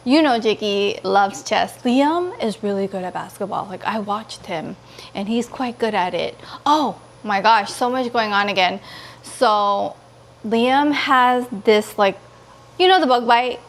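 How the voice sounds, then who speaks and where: A woman from California in her thirties chatting casually to her vlog viewers in an expressive, gushing way. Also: medium pitch, unhurried, a little hiss or hum. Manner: expressive, pleading and gushing, quotes others in dialogue. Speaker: vlogger.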